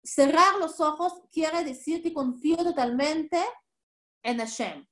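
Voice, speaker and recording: A woman's voice: sits high, slow. A woman giving a spoken religious lesson, a mother who asks and answers her own questions. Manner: animated, acts out everyday voices. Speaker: religious teacher.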